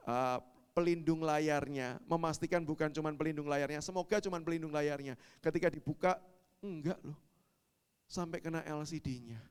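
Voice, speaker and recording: A man preaching as a pastor, telling a personal story with dramatic swings from hushed to loud. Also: fairly high pitch, clean tone. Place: church sanctuary. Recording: long reverb of a church hall.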